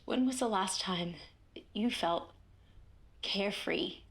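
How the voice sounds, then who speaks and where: A woman playing a weary, uneasy sleepwalking wife in naturalistic found-footage horror, speaking hesitantly in a sometimes breathy voice. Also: medium pitch, takes it slowly. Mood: weary, drifting.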